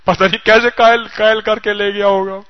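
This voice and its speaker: A man's voice: high voice, level tone. A man preaching, telling parables with animation and coaxing his listeners with questions, then leading a gathering in remembrance of God. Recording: dull dry recording.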